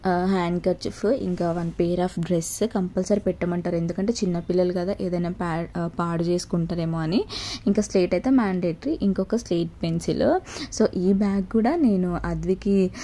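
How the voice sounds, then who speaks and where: A woman's voice: fairly low pitch, normal speed, warm tone, slight background noise. A young adult woman, a mother, narrating her home vlog in a chatty, step-by-step way with frequent filler sounds. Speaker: vlogger and mother.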